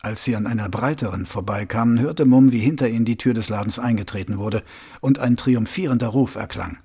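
A man narrating a novel as an audiobook in a lively storytelling manner. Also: fairly low pitch, a little fast, slightly rough. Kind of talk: scripted narration.

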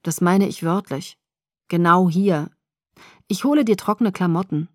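Woman reading a worn-out caring young guy, soft and a little awkward, dry close sound. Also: lowish voice, unhurried, dry recording, natural voice. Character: tired, caring young man, protective and gentle.

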